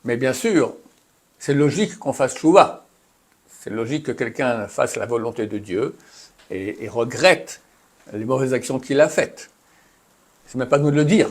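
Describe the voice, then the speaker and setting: A man's voice: medium pitch, breathy edge. A man giving a religious lesson, reading Hebrew phrases aloud and explaining them in a chatty, conversational way. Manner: reads Hebrew text then translates and explains, chatty asides. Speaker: rabbi teaching a class. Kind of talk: Torah lesson, explaining texts.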